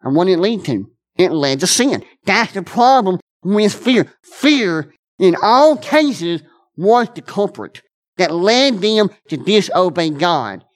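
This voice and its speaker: A pastor preaching a conversational sermon in church, earnestly repeating and restarting phrases, quick in asides and slow on key lines. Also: male voice, high-pitched, big pitch swings.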